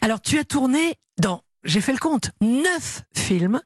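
A woman interviewing a stage actor, asking articulate, lively questions. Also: high voice, measured pace, no echo, clean studio sound. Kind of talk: broadcast interview.

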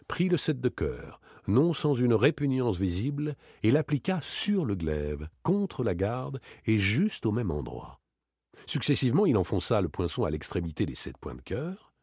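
A man narrating an audiobook in an expressive, theatrical reading style into a close studio microphone. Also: mid-range voice, a little slow, husky, no room sound.

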